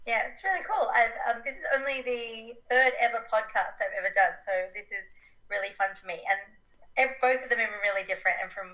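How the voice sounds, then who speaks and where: A woman chatting casually as a podcast guest, her voice raspy like a smoker's and still recovering from being sick. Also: fairly high pitch, fairly quick, bright, forceful tone, poor audio. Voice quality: raspy, rough voice like a smoker's rasp. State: voice recovering from sickness. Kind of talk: casual interview chat.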